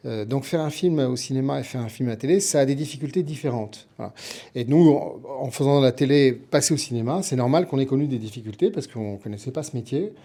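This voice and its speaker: A middle-aged TV producer and writer born in Milan, Italy, answers interview questions in a conversational, explanatory style, often using lists and repetition to build his points. He speaks fast, with a medium-pitched, dark-toned voice.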